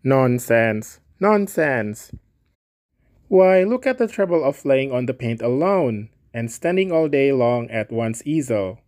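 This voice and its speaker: A man's voice: medium pitch, animated, slow pace, darkish tone. A man reading aloud, voicing a boisterous, bossy male painter in a hearty, declamatory way. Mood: jovial.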